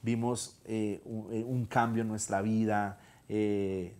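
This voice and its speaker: A Colombian man in his thirties, a guest on a comedy talk show, tells a personal story in a lowish voice, taking his time. He's animated yet earnest, acting out the dialogue he quotes.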